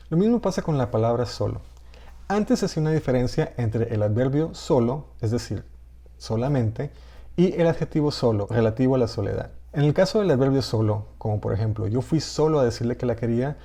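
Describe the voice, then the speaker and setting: A man's voice: medium pitch, mellow. A man teaching a pre-recorded spelling and grammar lesson, reading example sentences aloud as he explains. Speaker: writing workshop instructor.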